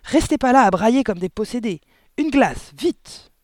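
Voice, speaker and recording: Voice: mid-range voice, expressive, moderate pace, pitched above the performer's own voice, natural voice. A reader voicing a blustering middle-aged father who bellows in outrage and panic in an audiobook. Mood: panicked. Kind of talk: audiobook reading.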